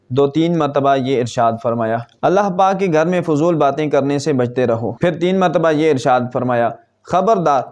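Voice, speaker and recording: A man delivers an Islamic sermon in an earnest, measured tone. His voice sits somewhat high for a man. He slows into a melodious chant when reciting verses. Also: a little mellow. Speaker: preacher.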